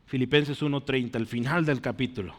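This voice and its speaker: A man's voice: medium pitch, fairly quick. A man preaching a sermon to his congregation, earnest and often asking them questions. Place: church. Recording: long reverb of a church hall.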